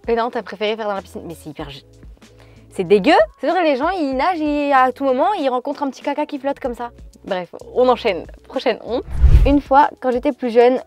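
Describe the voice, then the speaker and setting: A woman vlogger chatting casually, reading out viewers' stories and reacting to each one in an animated way. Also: medium pitch.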